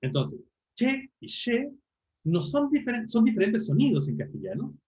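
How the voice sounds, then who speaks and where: A man teaches a university class online, his pitch a little high and very animated. He keeps checking in with the students and corrects himself as he goes. The audio is muffled and lo-fi, like a video call. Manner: explanatory, frequent tag questions and self-corrections. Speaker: university lecturer. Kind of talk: online linguistics lecture.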